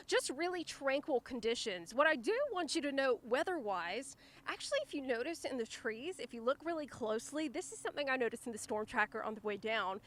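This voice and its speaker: A woman's voice: high voice, a bit bright. A woman meteorologist giving a live outdoor weather report in a chatty, conversational way with informal asides. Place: outdoors, riverside park.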